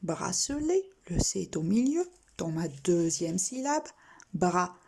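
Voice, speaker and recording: A woman teaching a recorded primary school reading lesson, talking slowly and deliberately and spelling out letters and sounds one at a time. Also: lowish voice, very animated, gravelly, dark tone, slight background noise.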